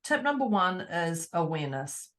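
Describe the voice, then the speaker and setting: A woman's voice: fairly low pitch, very animated, normal speed, a bit bright. Woman cohost w/ hiccups, chatty, laughs a lot, casual mindset chat. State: has the hiccups. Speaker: podcast co-host.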